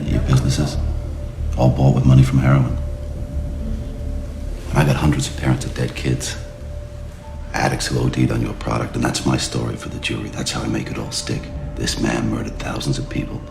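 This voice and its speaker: An actor playing a tough, unyielding American police detective in a film drama, questioning a suspect in a blunt, deadpan way. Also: male voice, rumbling low, a little fast, vocal fry, exaggerated voice. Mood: firm, pressing. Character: tough, unyielding male cop, calm and determined. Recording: echoey room with music underneath.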